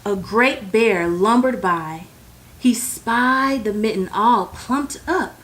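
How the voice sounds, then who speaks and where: Over slight background noise, a woman with a slightly high voice reads a children's bedtime story aloud, shaping each phrase expressively and deliberately for young listeners.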